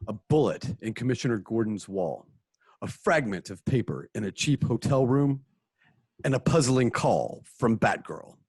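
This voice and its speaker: A man voicing Batman, a stern, measured adult male crime fighter, in a home-recorded radio play. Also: medium pitch, lively intonation, a little mellow, slightly rough, dry recording. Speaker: voice actor in an online radio play.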